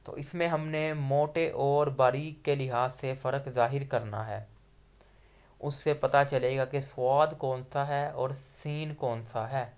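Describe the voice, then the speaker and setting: A man's voice: medium pitch, fairly even intonation, a little mellow, clear, resonant tone. A man teaching a Quran recitation class with a Pakistani Urdu accent, patiently explaining each letter sound and drawing out the examples. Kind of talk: slow explanatory lesson.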